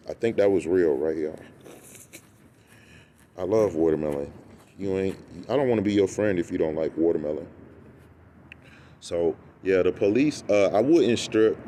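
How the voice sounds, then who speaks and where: A man's voice: deep voice, a little hiss or hum. A man on a rambling, comedic rant, telling stories in a loose, tangential way, repeating himself and acting out what people say. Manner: animated storytelling that acts out quoted remarks.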